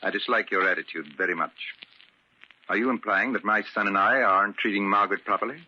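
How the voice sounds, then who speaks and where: This vintage radio drama features an actor voicing a cruel, overbearing older father-in-law, icily polite with formal, condescending manners. His voice sits fairly low, moves quickly and has a sharp edge. The old radio recording is crackly and band-limited, with the highs cut off.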